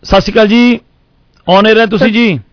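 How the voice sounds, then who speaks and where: A man's voice: high-pitched, steady tone, moderate pace, dry recording, dull audio. A man with a Punjabi accent hosting a radio call-in show, effusive and often repeating his phrases. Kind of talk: live music request show chat with sponsor reads.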